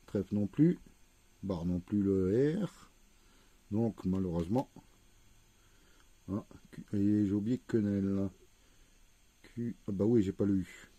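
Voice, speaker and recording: A man casually commenting as he scratches lottery crossword tickets, slowly spelling out letters one by one and checking words. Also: fairly low pitch, mellow, no echo. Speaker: scratch-card vlogger.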